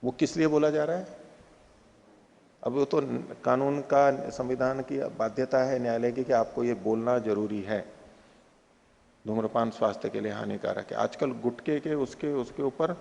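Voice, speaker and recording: A man teaching Nyaya philosophy in a spoken lecture. He recites Sanskrit aphorisms slowly and then explains them with everyday examples. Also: medium pitch, fairly even intonation, creaky, darkish tone, big-room sound, lo-fi sound.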